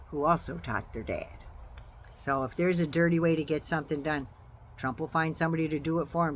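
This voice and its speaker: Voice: medium pitch, a bit bright. Folksy, sardonic American political commentator. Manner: folksy, sardonic, salty-tongued. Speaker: host of a political commentary channel.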